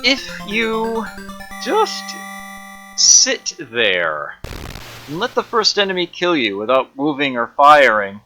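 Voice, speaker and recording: Slow, bright-voiced wry game streamer man. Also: medium pitch, big pitch swings, faint music behind. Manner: rambling, wry and self-deprecating. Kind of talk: casual live gameplay commentary.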